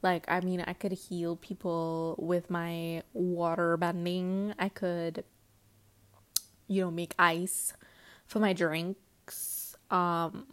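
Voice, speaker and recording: A woman's voice: lowish voice, slow, smooth. A woman hosting a casual solo podcast, rambling and giggly, with lots of fillers. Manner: rambling and chatty, heavy with fillers; giggly and excitable. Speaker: podcast host.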